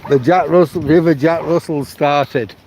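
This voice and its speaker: A Manchester livestreamer with a mixed northern English accent chats with his audience while walking a riverside promenade, answering comments by name. His slightly high voice is a little mellow, with fairly even intonation and an unhurried delivery, plus slight background noise.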